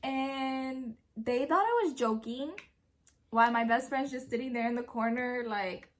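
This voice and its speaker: A young woman chatting through a parenting Q&A, telling stories in a loose, chatty way with lots of quoted voices. Her voice sits a little high, and she giggles often as she talks. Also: measured pace. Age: young adult. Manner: giggly, laughs often while telling a story; chatty, full of fillers and quoted speech. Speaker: young parent answering viewer questions. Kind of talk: casual Q&A chat.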